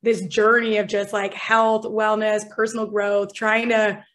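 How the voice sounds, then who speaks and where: A woman's voice: mid-range voice, little pitch movement, a little slow, fairly bright tone. A woman, a chatty, bubbly guest who laughs often in a casual interview. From Canada (Ontario).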